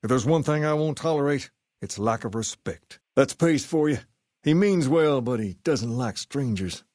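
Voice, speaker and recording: An actor playing an easygoing, self-assured gang leader styled as a rock-and-roll king in a video game, with folksy, colloquial, measured delivery. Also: mid-range voice, lively intonation, a little mellow, dry recording, clean studio sound, lightly acted. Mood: cool, assured. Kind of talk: scripted game character dialogue.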